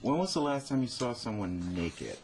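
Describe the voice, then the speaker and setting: A male host firing off quick, teasing questions in a relaxed interview. His voice leaps all over the place, mid-pitched and very animated, with light noise under it. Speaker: radio host. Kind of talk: casual interview.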